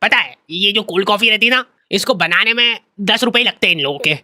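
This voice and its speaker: A woman's voice: medium pitch, expressive, fairly quick, pushed and bright, no echo, pitched below the performer's own voice. A woman doing a swaggering know-it-all hostel senior. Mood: boastful. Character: boastful older student hostel mentor, male.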